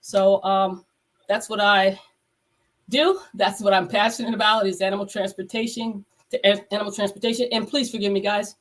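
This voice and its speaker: Congested from a cold, this vet and podcast host talks at a moderate pace in a medium-pitched voice with little pitch movement. Her casual live stream, heard via video call, wanders along with plenty of fillers and false starts.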